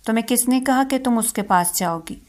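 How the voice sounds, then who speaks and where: A woman voicing a cruel, vengeful rich man in a storybook reading, with bitter, commanding lines read in an even tone. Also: on the high side, close to an everyday voice. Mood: harsh.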